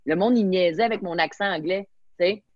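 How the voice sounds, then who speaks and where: A woman's voice: lowish voice, a little fast, no echo, highs cut off. A woman from Quebec with a Québécois French accent, speaking enthusiastically as a guest in a webinar interview and mixing in English words.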